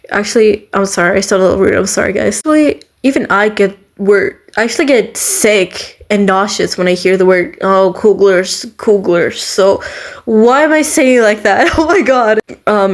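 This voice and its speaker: A woman ranting through a rambling, sarcastic commentary vlog, giggling often and filling her talk with "um" and "guys.". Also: mid-range voice. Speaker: commentary YouTuber. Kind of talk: rambling casual commentary rant.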